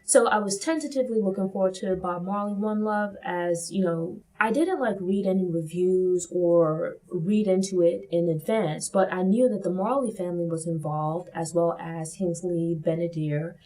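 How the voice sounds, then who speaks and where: A Brooklyn, New York woman hosts a casual film review, thinking aloud and hedging her points with lots of "like" and "you know." Her voice is fairly low and dark, moving at a normal speed with hardly any pauses. The recording quality is low.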